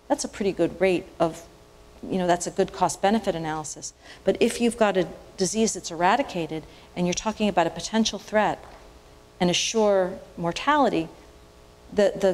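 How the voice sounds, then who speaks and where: A woman's voice: lowish voice, a little mellow. Woman physician giving an explanatory lecture. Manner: explanatory, measured, restarts phrases while thinking. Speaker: physician speaker. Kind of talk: public lecture with audience Q&A. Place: university event room with audience.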